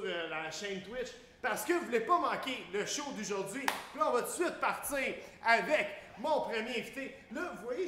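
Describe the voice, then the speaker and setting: High-voiced Quebec French man hosting casually. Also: a bit bright. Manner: informal, slangy, peppered with English exclamations. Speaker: host of a live online cooking show. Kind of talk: casual live-stream hosting with slangy chat. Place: large catering kitchen. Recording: echoey room with faint noise.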